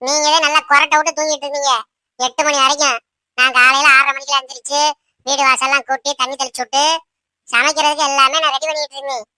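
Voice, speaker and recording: A woman's voice: sits high, level tone, fast talker, pushed and bright, no room sound. A woman voicing a put-upon young daughter-in-law in a cartoon, pleading and grumbling under her breath. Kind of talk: cartoon voice acting.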